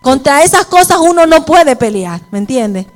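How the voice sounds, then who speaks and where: A woman's voice: sits high, big pitch swings, normal speed. A woman preaching a sermon at a women's church service, mixing personal testimony with preaching and often asking her listeners if they follow. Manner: repeats "¿me entiende?" to the listeners.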